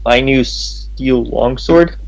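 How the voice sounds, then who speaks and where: Slow-talking man playing a tabletop game. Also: medium pitch, creaky, lo-fi sound, soft background music. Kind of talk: casual game chat.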